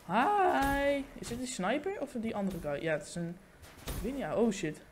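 Excitable hiccuping young gamer. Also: male voice, very high voice. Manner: excitable, swearing, quick exclamations. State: has the hiccups, voice cracking. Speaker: gaming YouTuber. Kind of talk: live gameplay commentary. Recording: game gunfire noise in background.

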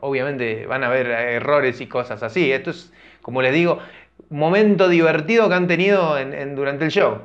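A man's voice: medium pitch, moderate pace, highs cut off. A young man, chatting casually as he reacts to a concert clip and thinking aloud with fillers and restarts. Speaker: reaction video host. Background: music from the video.

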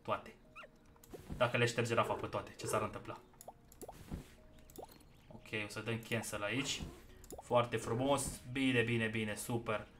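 A man giving casual gameplay commentary as a gaming YouTuber, excitable and swinging between loud outbursts and quiet muttering. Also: medium pitch, pauses often, over music.

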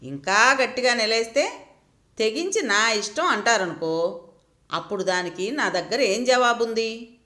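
Resigned, reasoning wife, lively, higher-toned delivery , read by a woman. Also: measured pace, reverberant. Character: hurt but composed married woman.

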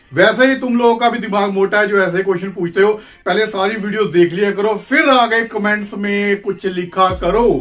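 A young Indian man with an Indian Hindi accent hosts a wrestling channel phone-call vlog in a high, fairly bright voice. He comes across brash, taunting and impatient.

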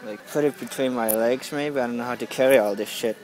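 A young man from Estonia vlogging as he walks through a grocery store, rambling and excitable, recorded on a handheld camera. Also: mid-range voice, quick pace, poor audio. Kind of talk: casual vlog narration. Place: large indoor grocery store.

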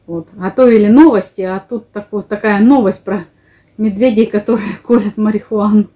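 A woman's voice: medium pitch, moderate pace, dark tone. A middle-aged woman hosting a vlog, chatting casually with a friend in a jokey, colloquial way. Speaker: vlog host. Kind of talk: casual chat with a close friend. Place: small wood-panelled living room, indoors. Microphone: camera across the table.

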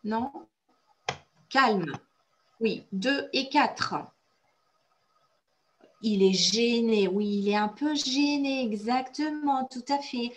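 Russian-native woman teacher, unhurried, cheerful praise for students. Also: on the high side. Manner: encouraging, praises students often; explains and translates phrases step by step. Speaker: French teacher. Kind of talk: online conversation class.

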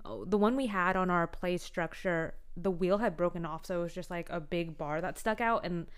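Smooth-voiced young woman co-host. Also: on the low side, normal speed. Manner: relaxed, friendly, laughs easily. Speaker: podcast co-host. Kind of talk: casual chat.

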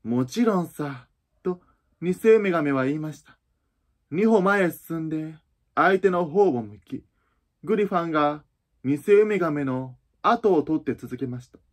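A man narrating a children's storybook in a calm, even reading voice, with the odd slip and restart. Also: fairly high pitch, moderate pace.

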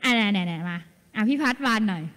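A woman giving a lively seminar talk to an audience. She laughs often and calls on people in the room. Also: on the low side, brisk. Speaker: insurance sales manager giving a seminar talk. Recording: long hall reverb.

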